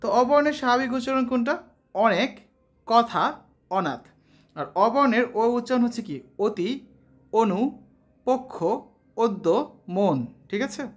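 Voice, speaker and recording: A woman's voice: a little high, animated, a little slow, pauses often. A woman teaching a lesson, explaining step by step, asking questions and answering them herself, and reading example words one by one. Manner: often checks understanding with a rising question. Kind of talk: classroom lesson on letter pronunciation.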